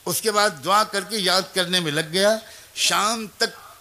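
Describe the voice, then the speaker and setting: A man's voice: high voice, fairly even intonation, pushed and bright. A man preaching a storytelling sermon, earnest and emotive, turning to address his listeners directly.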